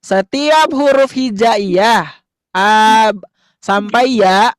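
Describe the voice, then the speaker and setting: Speaking very slowly in a high voice on a dry recording, a man teaches young children to read Arabic letters. He patiently repeats words and coaxes answers from them in call-and-response.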